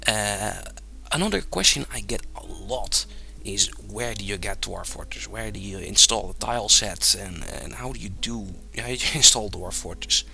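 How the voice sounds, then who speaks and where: With a Dutch accent and a lowish, gravelly voice, this young man from the Netherlands casually narrates a game tutorial on screen. He talks at a moderate pace, meandering with plenty of fillers and regular small laughs.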